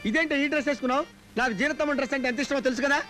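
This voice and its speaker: A man's voice: very high-pitched, racing, sharp tone, soft background music, poor audio. An actor playing a panicky, meddling comic man who wails and pleads in melodramatic outbursts. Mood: scheming, teasing. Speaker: comic lead in a film. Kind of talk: slapstick film comedy.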